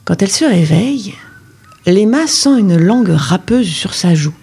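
A woman reading her own children's storybook aloud, with expressive, gently dramatic narration. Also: medium pitch, measured pace, creaky, soft background music. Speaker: storyteller and author.

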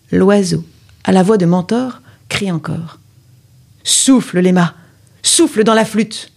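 A woman reading her own children's storybook aloud, with expressive, gently dramatic narration. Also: medium pitch, slightly rough. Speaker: storyteller and author.

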